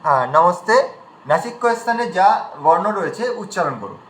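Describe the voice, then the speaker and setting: A man's voice: high-pitched, animated, a little fast, fairly bright tone, roomy sound, a little hiss or hum, low-quality recording. A man teaching pronunciation in an online class, patiently demonstrating sounds one at a time.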